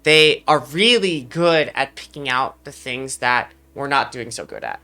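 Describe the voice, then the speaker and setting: Livestreaming as an esports mental coach, a man talks to his chat in an earnest, explanatory way, repeating phrases for emphasis. He's under the weather, so his voice sounds slightly sick. It is mid-range, expressive, sharp in tone, and measured in pace.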